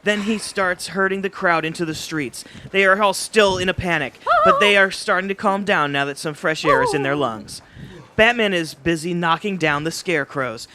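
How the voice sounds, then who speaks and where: During a live script read-through, a high-pitched man narrates the stage directions briskly, making small slips, with background noise audible.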